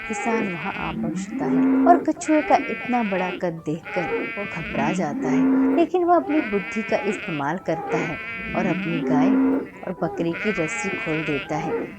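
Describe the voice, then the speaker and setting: Woman, storyteller, scripted narration, mid-pitched, steady, measured reading.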